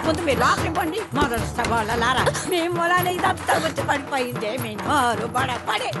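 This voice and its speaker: An actress playing a fierce, sharp-tongued old grandmother who shouts curses. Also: sits high, animated, fairly quick, loud music behind the voice, over a noisy crowd. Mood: cursing. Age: older. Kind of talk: film drama.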